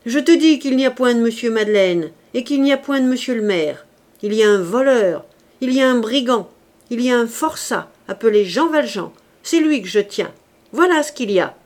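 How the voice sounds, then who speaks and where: A woman's voice: a little high, animated, moderate pace, few pauses. A woman reading an audiobook, voicing a harsh, contemptuous male police inspector who barks and scorns. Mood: scornful, shouting. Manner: barking, scornful, shouting.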